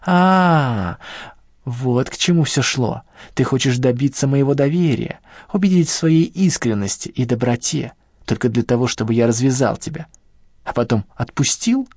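A man doing a shrill, hysterical obsessed kidnapper. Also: moderate pace, no room sound, clean studio sound, natural voice. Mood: suspicious, ranting. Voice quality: high, sharp, shrieking voice. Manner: pathetic, self-righteous outbursts.

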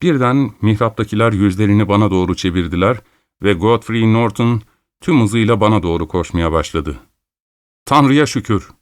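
A man reads a classic detective story aloud in a low, steady voice. His delivery is measured and scripted, recorded dry and close with no room sound. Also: dry recording. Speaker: audiobook narrator. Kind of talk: scripted first-person narration.

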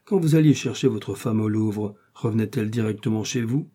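A man's voice: lowish voice, fairly quick, dark tone, husky. A man playing a cold, commanding cardinal. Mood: probing. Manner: probing, commanding. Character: cold, powerful male cardinal questioning a prisoner.

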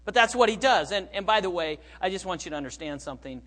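Middle-aged man, pastor, sermon, slightly high voice, hushed then emphatic. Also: expressive, quick pace. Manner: swings from soft, hushed phrases to loud emphatic bursts.

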